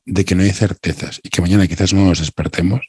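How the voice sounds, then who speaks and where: A man's voice: sits low, steady tone, fairly quick, darkish tone, slightly rough, no echo, clean studio sound. A man, hosting a casual conversation and dropping wry joking asides. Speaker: podcast host.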